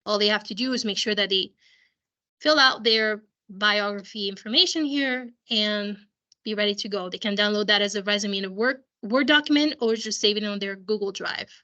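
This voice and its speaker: A woman counselor from a school, her voice giving out, explains a software walkthrough for parents over video, restarting sentences often. She speaks at medium pitch and normal speed, and the sound is lo-fi.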